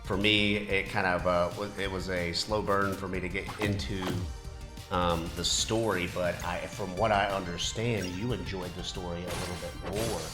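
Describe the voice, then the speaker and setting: A man's voice: sits low, steady tone, moderate pace. A man hosting a casual game review chat, rambling with many fillers and restarts. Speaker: channel host. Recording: echoey room with music underneath.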